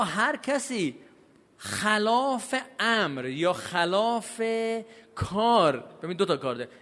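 High-voiced man lecturing in a hall. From Iran. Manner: asks the audience questions and answers them himself; pace and loudness swing widely, from slow stresses to quick asides. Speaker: cleric giving a religious talk. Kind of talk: lecture to a live audience. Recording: long hall reverb.

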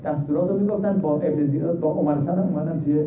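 Impassioned high-voiced male preacher, echoey. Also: recorded from a distance. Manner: impassioned, swinging from hushed to loud. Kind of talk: religious sermon with mourning narration. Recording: echoey, phone-like, faint noise.

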